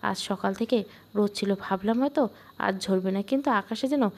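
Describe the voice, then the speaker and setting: A woman narrating a first-person story in a calm, steady reading voice. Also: mid-range voice, moderate pace.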